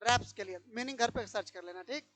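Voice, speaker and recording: High-voiced woman teaching a class. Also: quick pace, fairly bright tone, dry recording. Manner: quizzing pupils, repeating questions. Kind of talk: classroom grammar lesson.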